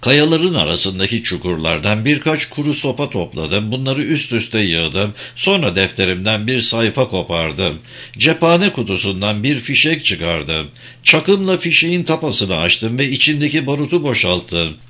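A man narrating a first-person audiobook in an expressive reading style. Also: fairly low pitch, normal speed.

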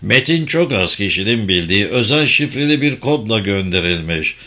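A calm, formal male intelligence officer , as a male narrator puts him on. He talks in a low, measured way, as if giving a briefing. It is read as a spy audiobook.

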